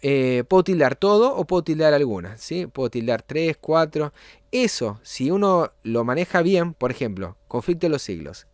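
Man explaining software step by step. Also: on the high side, big pitch swings, dry recording, studio quality. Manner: explanatory, often checks in with a quick "¿sí?". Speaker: channel host giving a software tutorial. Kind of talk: casual screen-recorded tutorial.

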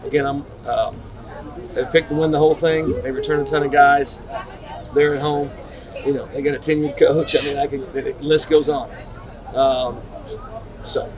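A middle-aged man, a head football coach at a postgame press conference, talking in halting, restarting sentences with many repeats. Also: fairly high pitch, little pitch movement, poor audio. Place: concrete-walled stadium corridor. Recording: crowd chatter behind. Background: crowd noise.

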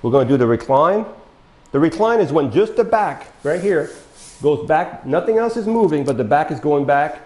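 In an echoey, large, bare indoor showroom studio, an older mobility dealer gives a product demonstration of a power wheelchair. His voice is a little high and darkish in tone, animated at normal speed, and it's turning hoarse with coughs as he walks "folks" through each step.

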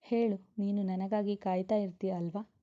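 A woman voicing a young husband and police officer, speaking softly, slowly and pleadingly. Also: medium pitch, steady tone, highs cut off, lightly acted.

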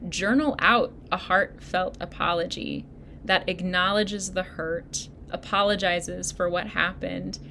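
A woman pastor giving a sermon, speaking in a gentle, encouraging way straight to her listeners. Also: on the low side, fairly even intonation, takes it slowly, gravelly, a little hiss or hum. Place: church video recording.

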